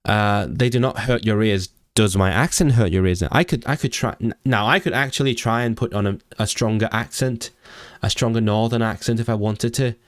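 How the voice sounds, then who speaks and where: A man from Hong Kong speaks with a vague non-southern English accent in a somewhat low voice. He chats on a livestream, reading out comments and rambling through his thoughts, restarting words and leaping up in pitch when something excites him. The sound is close and dry, with no room echo. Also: brisk. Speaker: language-learning streamer.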